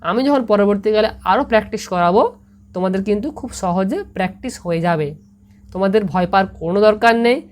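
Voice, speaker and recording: A woman's voice: mid-range voice, darkish tone. A woman with a Bengali accent, teaching English pronunciation to students, patiently repeating each word and checking that they follow. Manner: patient, repeats words slowly, asks "ঠিক আছে?" often. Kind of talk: explaining lesson to students.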